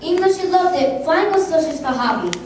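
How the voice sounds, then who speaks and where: A high female voice reads scripted narration for a stage history play. It comes from far off in a very reverberant room, with faint noise. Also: lively intonation, a little fast, a little mellow. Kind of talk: scripted narration, read aloud. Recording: very echoey hall, distant mic, faint noise.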